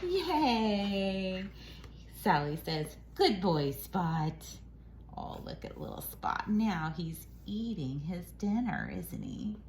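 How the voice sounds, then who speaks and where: Fairly low in pitch and slow, with vocal fry and huge pitch swings, this woman reads a picture book aloud to young children as an educator. Her exaggerated, sing-song storytime delivery models core words in an animated way. Loud noise can be heard behind her.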